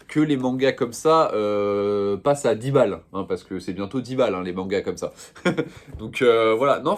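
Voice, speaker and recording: A young man showing off his manga purchases in a casual, slangy, rambling chat full of fillers. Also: medium pitch. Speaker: manga vlogger.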